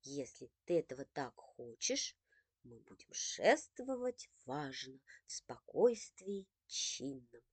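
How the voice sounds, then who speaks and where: A playful, patient mother calms her children in a soothing, conciliatory tone, as a woman reading the storybook puts her on. The voice is close and dry, with a lively, moving pitch. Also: moderate pace, no room sound.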